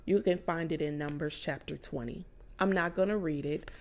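A woman's voice: deep voice, normal speed, a little mellow. A woman preaching a sermon in a conversational way, often checking in with her listeners.

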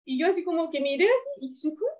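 A woman's voice: extremely high pitch, fast. A Chilean woman in her thirties, animatedly recounting a family conflict in a counseling session and acting out what others said. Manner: animated, acts out quotes of her daughter and partner.

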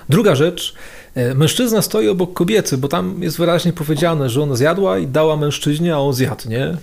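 A man's voice: on the high side, normal speed, vocal fry, darkish tone. A man giving a casual video sermon as a priest, talking in a conversational, slangy way and repeating phrases for emphasis.

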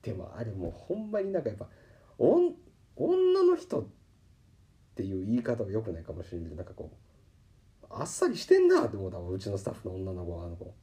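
A man hosting a podcast and speaking with a Kansai accent. His voice is low and very dark. He tells his story with a lively, swooping pitch and slips into the voices of the people he quotes. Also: rapid-fire. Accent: Kansai Japanese. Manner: animated, acts out quoted voices. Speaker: podcast host. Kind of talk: casual storytelling monologue. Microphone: podcast microphone.

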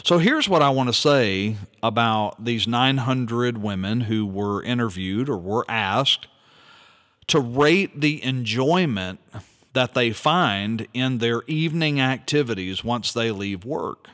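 A man's voice: medium pitch, expressive, fairly bright tone, big-room sound. A man giving an earnest, reflective monologue, reading from an article and posing rhetorical questions. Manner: earnest, rhetorical questions, slow deliberate delivery. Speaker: speaker commenting on an article.

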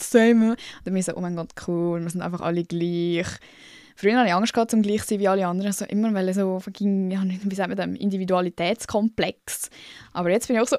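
A woman's voice: medium pitch, a little mellow, no echo, studio quality. Chatty young Swiss German woman podcaster. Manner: chatty, slangy, self-mocking, frequent fillers. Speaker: podcast host. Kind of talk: casual solo podcast chat.

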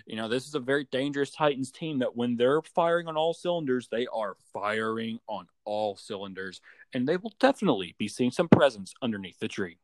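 A man's voice: mid-range voice, no room sound. A young man in a casual sports voice chat over a phone, giving opinions in a teasing, mock-serious way. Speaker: sports podcast co-host. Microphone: remote voice chat call on a phone.

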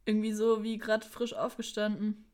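A woman's voice: mid-range voice, monotone, moderate pace, a little mellow. A young woman co-hosting a podcast in casual chat, full of teasing jokes and amused asides. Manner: teasing, joking asides with laughs. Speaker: podcast co-host. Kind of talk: casual chat recapping an audio play episode.

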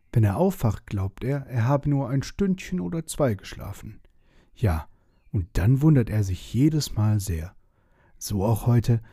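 A man narrating a children's storybook in a lively, expressive reading. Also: lowish voice, husky, no room sound, clean studio sound.

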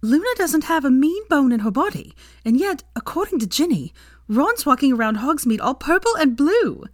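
A woman reader puts on the voice of a brisk, gleeful adult teacher, pitched high and excitable with big swoops. Her delivery is animated and emphatic, and the sound is close and dry with no echo or room around it.

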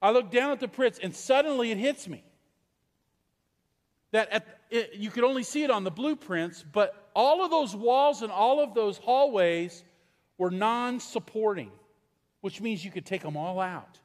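A man's voice: high voice, lively intonation, unhurried. A middle-aged man, a pastor, preaching a sermon in a large church in a conversational, storytelling way and putting questions to the congregation. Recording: long reverb in a large church hall.

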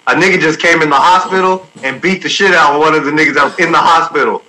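A man with a high, forceful voice who talks fast. He tells his stories in an animated, slangy, casual way. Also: slight background noise, poor audio. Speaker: podcast co-host. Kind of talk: casual chat.

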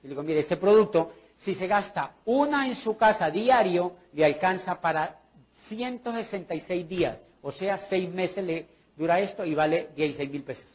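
A man's voice: sits high, moderate pace, breathy edge, dull audio. A man with a Colombian accent giving a sales training talk, telling stories and acting out his conversations. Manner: lively storyteller acting out his dialogues.

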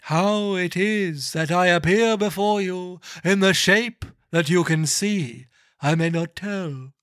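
A man voicing an anguished male ghost in chains, reading in a drawn-out wailing manner that rises high. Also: a bit bright, no echo, clean studio sound. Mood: mournful. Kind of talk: dramatic reading of a classic novel.

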